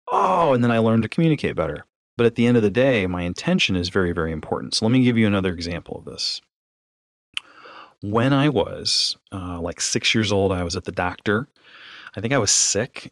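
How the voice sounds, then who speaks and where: A podcast host with a voice on the low side teaches through anecdotes in an animated, conversational way, acting out dialogue and posing rhetorical questions. The sound is clean studio quality without room sound.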